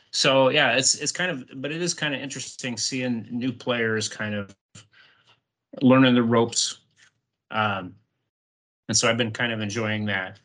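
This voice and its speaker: A man on a casual podcast call speaks in a bright, forceful tone with a middling pitch. He talks haltingly, filling gaps with ums and uhs as he works through his thoughts. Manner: hesitant, lots of ums and uhs. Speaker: podcast co-host.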